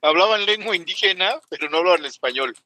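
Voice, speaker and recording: A man's voice: sits high, animated, quick pace, sharp tone. A man with a Mexican accent co-hosting a podcast, blunt and slangy in casual chat.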